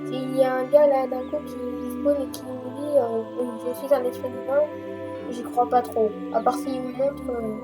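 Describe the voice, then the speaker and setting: High-voiced woman doing game commentary. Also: little pitch movement, moderate pace. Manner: chatty, mocking the game text. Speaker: gamer playing a game on video. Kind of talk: casual let's play commentary. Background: game music.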